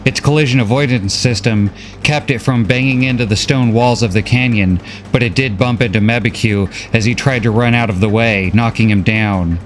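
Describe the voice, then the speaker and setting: Guy narrating a novel recap, steady, soft music behind. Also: mid-range voice, normal speed, hardly any pauses. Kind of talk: scripted story narration.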